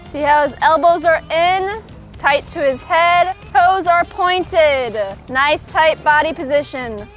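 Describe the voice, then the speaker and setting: A woman's voice: high-pitched, takes it slowly, few pauses, faint music behind. A woman swim coach giving brief, direct technical cues during a demonstration at an outdoor pool. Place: outdoor swimming pool deck.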